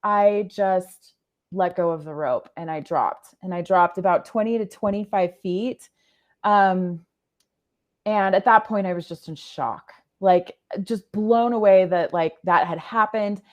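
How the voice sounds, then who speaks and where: A medium-pitched woman comes through on dull audio. She's a podcast guest earnestly relating a personal story, and her delivery is halting, with frequent stops to rephrase.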